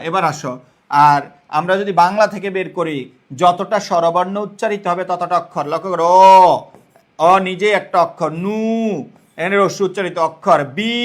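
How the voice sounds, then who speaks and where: High-voiced man teaching a grammar lesson. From Bangladesh. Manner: explains step by step, repeats questions and checks understanding; sounds out words syllable by syllable. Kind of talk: online exam-prep lesson.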